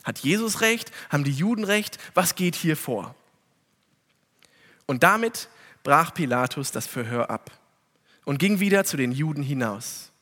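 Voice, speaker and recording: Guy giving a sermon, kinda high voice, lots of rhetorical questions, long echo tail on it. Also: animated, a little slow, long pauses, bright, forceful tone. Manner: reads scripture, then explains with rhetorical questions; earnest, addresses listeners directly. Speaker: preacher.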